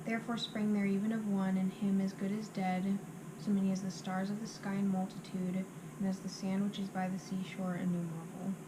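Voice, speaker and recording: In a noisy amateur recording, a female reciter delivers scripture she has learned by heart. She speaks in a flat, mid-pitched voice, breaking the text into halting phrases.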